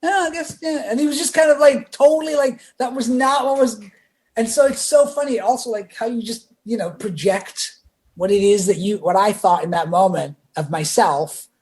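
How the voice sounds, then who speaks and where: A man chats as a guest on a podcast, telling stories in an animated way. He slips in and out of the voices of the people he quotes, with frequent "like" fillers. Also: sits high, moderate pace. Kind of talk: casual storytelling chat.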